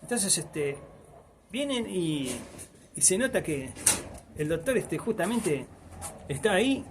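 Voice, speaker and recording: A man's voice: sits high, big pitch swings, slow pace, noisy background. An Argentine man telling a folk tale in a rambling oral style, tagging lines with "dice". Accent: Argentine Spanish. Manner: rambling, repeats "dice" often. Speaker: storyteller.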